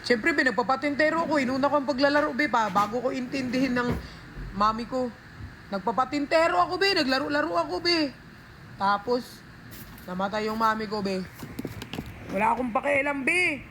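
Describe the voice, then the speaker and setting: A woman's voice: high voice, fairly quick, pauses often, noisy background. A woman telling a rambling story on a casual livestream, talking into a phone and calling her viewers guys and be.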